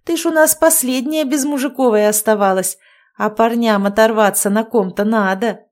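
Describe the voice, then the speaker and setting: A woman reading an audiobook, voicing a sharp-tongued, teasing young woman friend. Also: a little high, normal speed, lightly acted. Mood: sarcastic. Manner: sarcastic, teasing.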